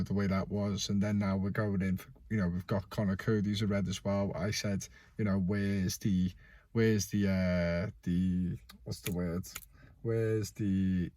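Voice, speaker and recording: A young man hosting a casual fan vlog, his voice going hoarse, rambling with many fillers and restarts. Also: lowish voice, darkish tone, dry recording. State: losing his voice. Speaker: fan channel host.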